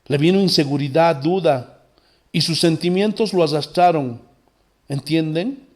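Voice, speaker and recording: A man preaching a sermon as pastor, with impassioned swings from loud exclamations to low, quiet phrases. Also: measured pace. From Bolivia.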